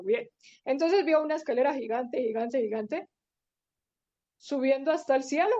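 A woman telling a bedtime story to young children, playful and animated, with silly sound effects and diminutives, on a dull lo-fi recording. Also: high-pitched.

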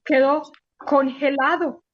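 A woman teacher telling a story to children, animated and exclamatory, asking them questions as she goes. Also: high voice, slow pace, phone-quality sound.

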